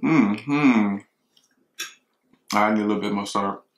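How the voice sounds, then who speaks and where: A man's voice: fairly low pitch, measured pace, a little hiss or hum. Chatty mukbang guy, echoey kitchen. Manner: chatty, rambling, talks to viewers as y'all. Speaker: mukbang vlogger. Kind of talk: casual chat while eating. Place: kitchen at home.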